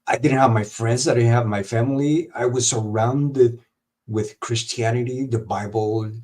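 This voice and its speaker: A man from Honduras, speaking as a guest in a live video-call interview, talking haltingly with many fillers and restarts. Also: mid-range voice, fairly even intonation, darkish tone.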